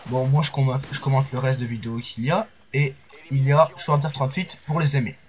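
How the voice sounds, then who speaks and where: A man's voice: medium pitch, steady tone, brisk, a little hiss or hum. A man from France giving rambling, casual commentary over gameplay footage, full of fillers and restarts.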